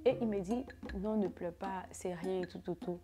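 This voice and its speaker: A woman's voice: lowish voice, moderate pace. A young woman tells a casual storytime, repeating words and filling gaps with "là" and "genre". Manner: animated, repetitive retelling with fillers like "là" and "genre". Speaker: vlogger. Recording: background music under the voice.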